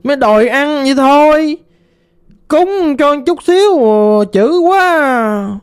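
A woman voicing the vengeful ghost of a murdered teenage girl, pleading slowly in a Southern Vietnamese accent. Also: high voice, animated, pitched above the performer's own voice. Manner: pleading, slow and plaintive.

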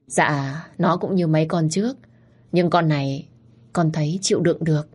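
A woman's voice: deep voice, moderate pace, a little mellow, husky. A woman voicing an obedient servant of the house, speaking deferentially.

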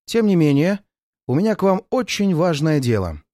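Audiobook role: a man playing an unflappable detective, calm, firm and measured, lively in tone. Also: fairly high pitch, no room sound, clean studio sound. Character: calm, resolute male detective.

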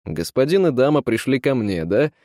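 A man voicing a calm, reassuring gentleman who speaks steadily in a read-aloud story. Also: mid-range voice, normal speed, dry recording, clean studio sound, close to an everyday voice. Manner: soothing, steady.

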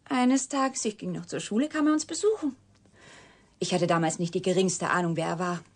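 Voicing a withdrawn, hurt young scientist for German radio drama, the actress sounds guarded but willing to confide. She speaks breathily and with deliberation in a voice on the low side, frequently dropping to a whisper.

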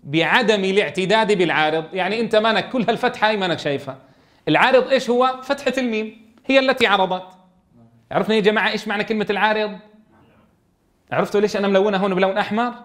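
A man's voice: high-pitched, very fast, a bit bright. A man teaching a tajweed lesson in a classroom, keeps asking his students questions and answering them himself. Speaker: Quran recitation teacher.

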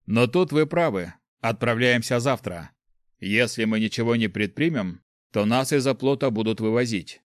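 A man's voice: medium pitch, animated, moderate pace, dry recording, studio quality, close to an everyday voice. A man voicing a cautious male cleric who sighs with worry. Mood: worried. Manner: cautious, sighing.

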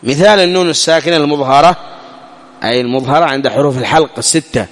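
High-voiced man teaching in a hall. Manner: asks the listener questions and demonstrates sounds slowly. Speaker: tajweed teacher. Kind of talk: recorded lesson explaining recitation rules.

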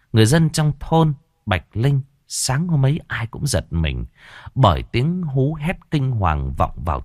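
A male storyteller reads a horror tale at an unhurried, deliberate pace. His lowish voice rises and falls with lively expression, recorded close and dry. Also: no echo. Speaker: narrator. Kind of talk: dramatic horror story narration.

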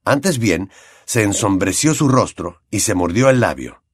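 A man with a Latin American Spanish accent reading an audiobook with expressive storytelling, on a close studio mic. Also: on the low side, unhurried, breathy edge, no echo. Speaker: audiobook narrator. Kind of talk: scripted narration.

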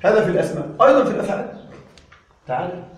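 A man teaching Arabic grammar in a classroom lecture, lively, often asking his students questions and answering them himself. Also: sits high, racing. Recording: echoey room, from far off.

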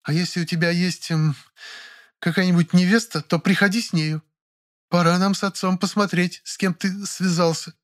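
A stern, overbearing middle-aged mother, played by a male narrator. She questions and commands in a strict, categorical tone. Her voice is pushed high above the narrator's own. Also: steady tone, moderate pace, close to an everyday voice.

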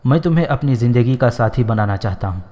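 A man's voice: medium pitch, lively intonation, dark tone, natural voice. A man reading as a smitten fort commander. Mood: coaxing. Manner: affectionate, coaxing speech. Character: smitten male fort commander, pleading and eager. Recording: long hall reverb.

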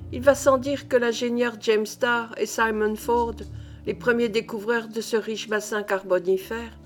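A woman narrates a classic adventure novel as an audiobook. Her voice sits fairly high, and she reads in measured, clearly shaped phrases. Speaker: audiobook reader.

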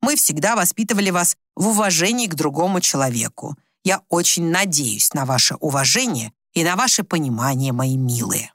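A woman voicing a tired, bitter older husband who speaks slowly and low in an audiobook story. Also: lively intonation, a bit bright, no echo, studio quality, exaggerated voice. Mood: weary. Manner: tired, slow, low and resigned.

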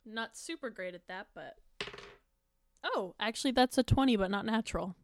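A woman's voice: a little high, lively intonation, moderate pace, a little hiss or hum. A woman playing a tabletop role-playing game casually, with a playful, self-deprecating manner. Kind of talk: casual improvised tabletop play.

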